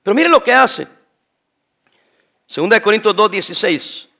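Emphatic male pastor, middle-aged, high bright preaching voice, rhetorical questions. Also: lively intonation, normal speed, creaky. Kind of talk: sermon.

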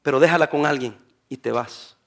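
An older man, a pastor, preaching a sermon, moving from quiet talk to shouting. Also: medium pitch, a little fast. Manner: animated preaching, swings from soft to shouting.

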